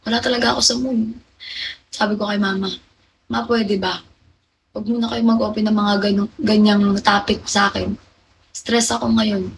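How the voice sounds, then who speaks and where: A woman's voice: medium pitch, little pitch movement, normal speed, creaky, long pauses, slight background noise, poor audio. A young woman hosting a livestream, chatting and confiding to her viewers and answering their comments by name. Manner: chatty, confiding, reads out viewer names and replies to them. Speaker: livestream host. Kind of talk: casual livestream chat with viewers.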